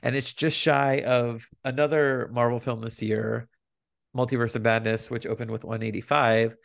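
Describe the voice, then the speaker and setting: A man's voice: medium pitch, little pitch movement, moderate pace, gravelly. A man co-hosting a podcast, chatting casually about movie news and box office figures. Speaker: podcast co-host.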